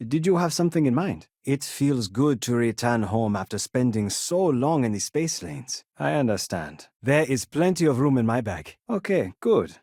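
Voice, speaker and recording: An actor playing a courteous, kindly young male trader and crewmate in a space video game, speaking in polite, measured, formal phrases. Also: mid-range voice, very animated, darkish tone, breathy edge, no echo, studio quality. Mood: courteous, earnest. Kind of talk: video game dialogue acting.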